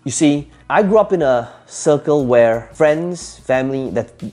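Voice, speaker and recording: An entrepreneur whose first language is Cantonese gives motivational advice to camera, speaking emphatically, posing rhetorical questions and repeating key phrases. His voice is a little high and darkish, with lively intonation at a measured pace.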